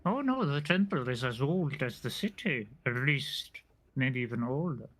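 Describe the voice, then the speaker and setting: A man acting as game master in a tabletop role-playing game, speaking hesitantly with many pauses and restarts while voicing a shopkeeper. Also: mid-range voice, expressive, fairly bright tone, rough recording. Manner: hesitant, lots of ums and restarts.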